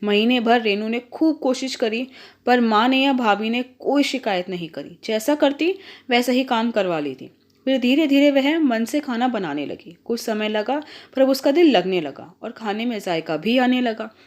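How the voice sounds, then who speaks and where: A woman hosting her channel and reading a family story aloud in plain, steady narration. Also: fairly high pitch, normal speed.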